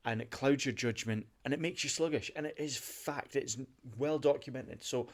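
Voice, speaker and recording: A man's voice: mid-range voice, moderate pace. A young man hosting a solo motivational podcast. He talks with passion, gets worked up and repeats his points for emphasis. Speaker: podcast host.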